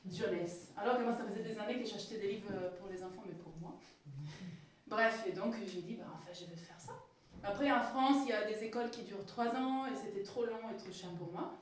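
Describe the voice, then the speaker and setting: An Italian woman with a mid-range voice and an Italian accent speaks a little fast, giving a casual, hesitant author-illustrator talk packed with fillers and restarts. She's in a community hall before an audience, recorded from far off in an echoey space.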